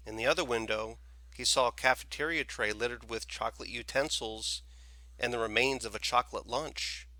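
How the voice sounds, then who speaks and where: Very bright male storybook narrator. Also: mid-range voice, moderate pace, dry recording. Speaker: storybook reader, teacher. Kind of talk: expressive scripted narration.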